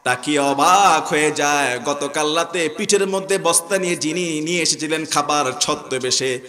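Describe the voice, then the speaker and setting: A man with a Bangladeshi Bengali accent preaching a fiery sermon to a crowd, often shouting and exhorting, over an echoey public-address sound. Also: a little high, moderate pace, faint music behind.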